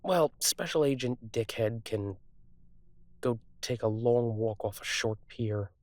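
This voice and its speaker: A man playing a streetwise, wry car thief on the run in a conversational audio role-play, talking casually with thoughtful pauses. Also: medium pitch, darkish tone, dry recording, natural voice. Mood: dry, loyal.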